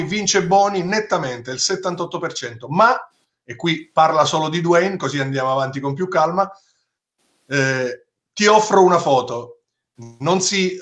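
A man hosting a relaxed chat, steering the talk and describing photos as he goes. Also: a little high. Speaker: host. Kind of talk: casual chat.

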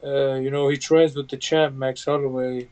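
A man's voice: medium pitch, little pitch movement, a little mellow, clear, resonant tone. A man in his thirties from Bosnia, a native Bosnian speaker, answering interview questions in English over a video call from a room at home, with many fillers and restarts. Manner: plain halting speech with many fillers. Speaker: UFC fighter guest. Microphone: video call webcam. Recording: dull lo-fi video call audio.

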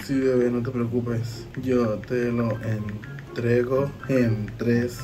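A man's voice: medium pitch, level tone, slow. A man with a Mexican accent in a casual vlog, reading chat messages aloud in a playful, giggly, teasing way. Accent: Mexican Spanish. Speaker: vlogger. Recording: background music under the voice.

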